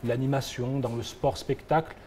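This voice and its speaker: This guest, a young French founder of a football agency, stumbles through interview answers with many fillers and restarts. His voice is medium-pitched and a little mellow, with fairly even intonation and a moderate pace, over a little hiss or hum.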